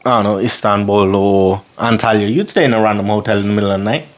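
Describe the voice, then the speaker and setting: Animated man telling a spooky story. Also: fairly low pitch, fast talker. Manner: animated storytelling with slang, swings between hushed and excited. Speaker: podcast host. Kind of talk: casual chat.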